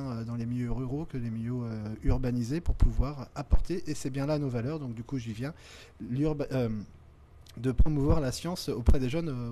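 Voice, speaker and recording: A man, a studio guest and association president, answering at length in a halting way with many fillers and restarts. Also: medium pitch, mellow. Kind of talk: hesitant studio talk-show answers. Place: web TV studio set at a robotics event.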